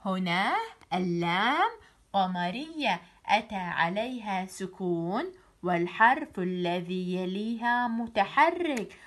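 A woman teacher giving a children's phonics lesson, drawing out letter sounds and repeating them for drilling, with warm praise. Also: medium pitch, animated, slow. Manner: praising, encouraging.

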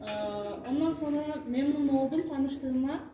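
A young woman from Kazakhstan with a Kazakh accent introduces herself in halting, foreigner's learner speech. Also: high-pitched, mellow, recorded from a distance. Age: young adult. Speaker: student guest introducing herself. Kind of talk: informal self-introduction at a gathering. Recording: noisy echoey dining hall, cutlery clatter.

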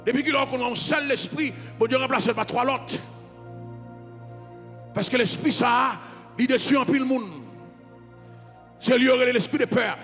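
A man's voice: very high-pitched, unhurried, pauses often, a bit bright. A man with a Haitian accent, a pastor preaching a fervent, sing-song sermon. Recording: reverberant hall with music behind.

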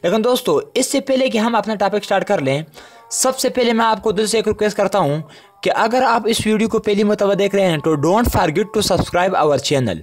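A man with a Pakistani Urdu accent teaching English letter sounds in a casual spoken lesson, chatty and addressing viewers as friends, repeating each letter slowly and drawn out. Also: sits high, faint music behind.

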